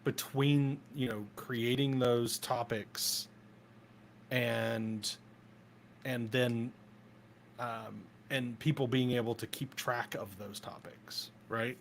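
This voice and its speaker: A man co-hosting a live show in casual chat, explaining things step by step and checking in with quick tag questions. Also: mid-range voice, fairly even intonation, vocal fry, a little hiss or hum. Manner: explains step by step, keeps asking "right?". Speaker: podcast co-host.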